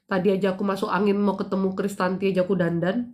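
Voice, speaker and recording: A woman's voice: mid-range voice, little pitch movement, fast, darkish tone. A woman in her thirties talks through a casual live stream, moving between spiritual advice and playful gossip. She punches her main points with emphatic bursts, then drops back into easy, teasing chat.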